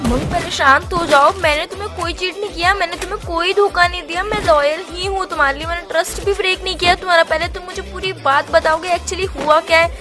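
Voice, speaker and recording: A young woman with a very high voice pleads with her partner and urges him to calm down. Music plays clearly beneath the call. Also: fast, hardly any pauses. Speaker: gamer chatting with her partner. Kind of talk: emotional voice-chat argument. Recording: music playing underneath.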